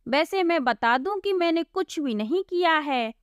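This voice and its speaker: A sly, scheming young man of a storybook who feigns friendship and talks smugly, as a woman voices him. The voice runs high and slow. It sounds dry and close. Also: animated, dry recording. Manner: smug, mock-innocent.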